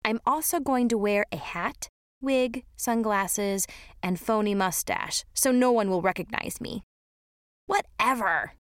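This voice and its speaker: A woman's voice: mid-range voice, unhurried, clean tone, no echo. A woman reading a first-person diary story aloud in a sarcastic, dramatic teen voice. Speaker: audiobook narrator.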